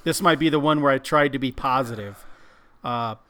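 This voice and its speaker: A man's voice: medium pitch, moderate pace, pushed and bright. Joking man co-hosting a chat. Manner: joking, self-deprecating banter. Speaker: podcast co-host. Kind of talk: casual chat.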